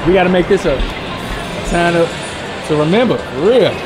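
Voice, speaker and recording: A man's voice: high voice, animated, normal speed. A young man hyped up and bantering with a friend on a trip.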